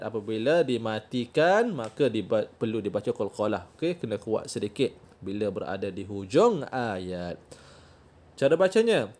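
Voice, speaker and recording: A man with a Malaysian Malay accent teaching children Quran recitation, slowly demonstrating each example and patiently correcting mistakes. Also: mid-range voice, a little mellow. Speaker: religious teacher.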